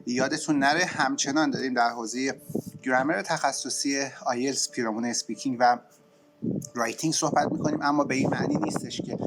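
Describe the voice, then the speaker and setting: A man with a Persian accent teaching an English grammar lesson, speaking quickly in Persian and slowly stressing English examples. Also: mid-range voice, background noise. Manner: switches between rapid explanation and slow, stressed example phrases.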